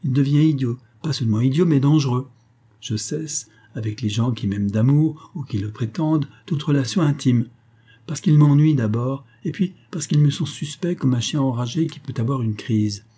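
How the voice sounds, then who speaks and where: A man reading an audiobook voices a calm, indifferent young society woman who speaks lightly and teasingly. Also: mid-range voice, moderate pace, slightly rough, voice pushed up, lightly acted. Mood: detached.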